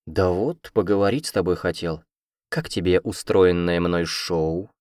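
A man's voice: low voice, a little slow, a little mellow, no echo, clean studio sound. A man voicing an arrogant young male aristocrat student, smug and taunting, in an audiobook.

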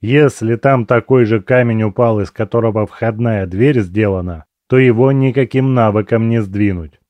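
A man's voice: lowish voice, normal speed, a little mellow, dry recording, close to an everyday voice. A man reading an audiobook, voicing a crude, irritable male captive who swears and scoffs. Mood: scornful. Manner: swearing, scornful.

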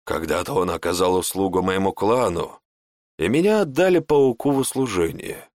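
A man voicing a polite male servant mage who speaks dryly and calmly. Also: sits low, no echo, clean studio sound. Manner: measured, courteous, unhurried.

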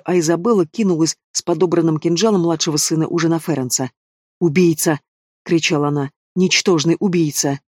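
A man's voice: a little high, darkish tone, dry recording, studio quality. A man reading a fantasy novel aloud as an audiobook narrator, voicing the dialogue with little change of character. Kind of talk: scripted narration.

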